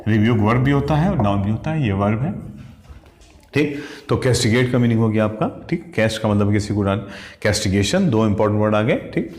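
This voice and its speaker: A man's voice: lowish voice, animated, fairly quick, darkish tone. A man teaching exam vocabulary, explaining each word step by step and checking in with "okay?" after nearly every phrase. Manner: mimics shrieks and howls to act out sound words. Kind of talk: Hindi-English exam vocab lesson. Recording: echoey room.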